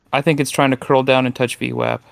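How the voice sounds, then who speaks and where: A man on a trading stream giving casual, measured, explanatory market commentary. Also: mid-range voice, little pitch movement, gravelly, no echo. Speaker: trader co-commentator on a livestream.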